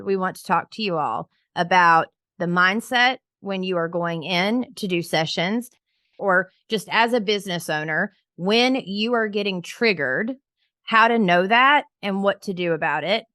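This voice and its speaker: A woman's voice: mid-range voice, a little slow, fairly bright tone, no room sound, clean studio sound. A woman co-hosting a podcast for professional organizers, talking in an upbeat, chatty way with many filler words. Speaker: podcast co-host. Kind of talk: casual podcast chat.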